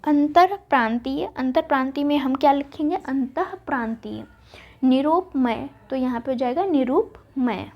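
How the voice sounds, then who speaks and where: A woman's voice: high-pitched, normal speed, few pauses. A woman teaching spelling for an exam, reading out word pairs and answering her own questions. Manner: recites word pairs, asks and answers herself. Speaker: Hindi exam-prep teacher. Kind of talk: online lesson, spelling drill. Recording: dull lo-fi audio.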